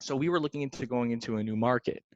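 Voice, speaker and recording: A young man, a real estate investor, telling stories in a casual podcast chat, slangy and lively, calling people "man" and "dude". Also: mid-range voice, racing, no echo. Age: young adult. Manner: animated, slangy, says "man" and "dude" often. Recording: dry, slightly dull sound.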